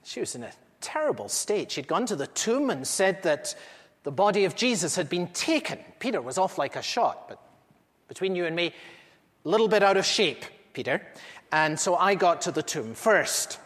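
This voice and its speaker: A man's voice: sits high, sing-song, normal speed, a bit bright, full character voice. A man performing a first-person dramatic monologue as an aged apostle recounting what he witnessed, earnest and intimate with dramatic swells. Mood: animated. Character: aged male apostle recounting eyewitness memories. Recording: echoey hall with long reverb.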